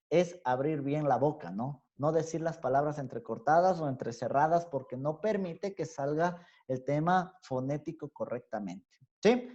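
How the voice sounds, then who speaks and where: Man with an Ecuadorian highland accent teaching online. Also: mellow. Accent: Ecuadorian highland Spanish. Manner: explanatory, often checks in with a rising "¿sí?". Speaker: university teacher. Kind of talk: online class lecture. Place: home room on a video call. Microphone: computer mic on a video call. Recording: dull, lo-fi video-call audio.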